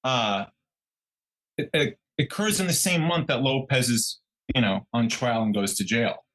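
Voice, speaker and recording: With a mid-range voice and measured delivery, a man co-hosting a true crime podcast gives a lively retelling, playing out people's quoted reactions.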